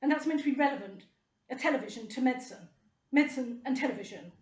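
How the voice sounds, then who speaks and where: A woman's voice: sits high, expressive, fast, echoey room. A middle-aged woman, delivering an indignant, rambling and sarcastic monologue to camera. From United Kingdom. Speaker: vlogger.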